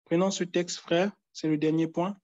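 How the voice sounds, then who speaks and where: A man preaching a sermon, pleading with his listeners and repeating phrases with emphatic pauses. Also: on the high side, flat delivery, a little mellow, highs cut off.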